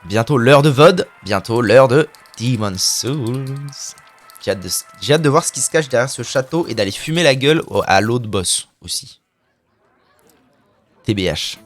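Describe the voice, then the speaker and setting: Animated streamer man. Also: mid-range voice, moderate pace, soft background music. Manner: playful, crude trash talk and mouth sound effects. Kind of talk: live gameplay commentary.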